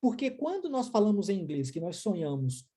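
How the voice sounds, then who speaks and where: A woman's voice: mid-range voice, very animated, brisk, dark tone, slightly rough. A woman with a Brazilian Portuguese accent teaching an online English lesson, explaining step by step and often checking in with short questions.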